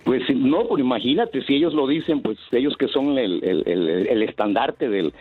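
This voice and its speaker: Husky man over a tinny phone. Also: mid-range voice, expressive, no echo, faint music behind. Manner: halting, with many restarts. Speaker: caller. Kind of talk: casual phone-in chat. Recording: tinny dry phone line.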